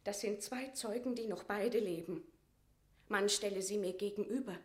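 A woman's voice: medium pitch, moderate pace, natural voice. An actress playing a proud, defiant captive queen in a classical radio drama, declaiming formal verse in a stately, indignant manner. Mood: indignant, demanding. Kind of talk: classical German stage drama radio acting.

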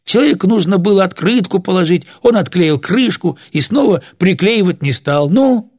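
A man's voice: medium pitch, big pitch swings, moderate pace, vocal fry, darkish tone, slightly rough, no room sound, clean studio sound, exaggerated voice. A man voicing a brash young man who talks impatiently and mockingly. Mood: exasperated. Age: young adult. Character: brash young man, cocky former army sapper.

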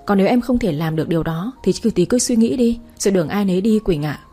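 A woman's voice: medium pitch, lively intonation, quick pace, dark tone, breathy edge, soft background music. Woman doing a stern reproachful husband. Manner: reproachful, lecturing. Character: harsh reproachful husband, a man in his thirties.

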